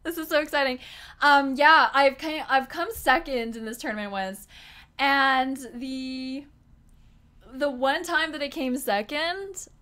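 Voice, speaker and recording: Sitting at a desk in a small indoor room, a woman in her twenties plays online poker while commenting to her stream chat. She's excitable and giggly, her high-pitched voice going hoarse.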